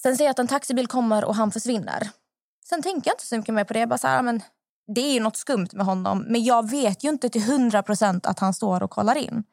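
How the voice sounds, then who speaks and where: Young woman podcast host, kinda high voice, tells her story all animated, dry close mic. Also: vocal fry, no echo. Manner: animated anecdote-telling, acts out what others said. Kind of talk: casual storytelling.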